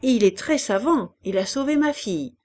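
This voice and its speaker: A woman's voice: on the high side, animated, moderate pace, a little mellow, voice pushed up. A woman reading aloud and voicing a reserved, proper young widow who speaks in short, polite lines, in a storybook reading. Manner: curt and polite.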